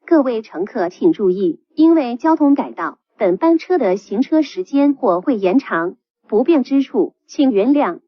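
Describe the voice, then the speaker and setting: A woman reading calm, formal bus announcements played over a PA system. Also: on the high side, measured pace, few pauses, no echo. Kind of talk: scripted public announcement. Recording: dull lo-fi PA playback.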